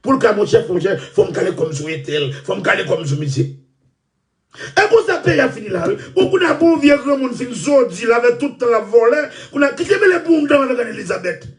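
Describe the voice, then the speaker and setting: A man with a Haitian Creole accent, ranting loudly and repeating himself. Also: extremely high pitch, lively intonation, fairly quick, far from the mic. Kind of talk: impassioned rant.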